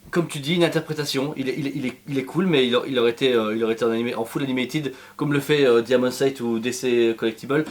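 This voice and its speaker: Here a medium-pitched man with a Belgian French accent rattles on about a collectible statue he's co-reviewing in a relaxed format, his speech hurried, rambling, and littered with fillers and do-overs.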